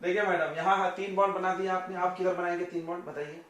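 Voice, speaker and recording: A man's voice: sits high, little pitch movement, fairly bright tone. Man, chemistry teacher, joking and questioning, heavy classroom echo, far from the mic. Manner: chatty, jokes with students, asks quick questions. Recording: very echoey classroom, distant mic.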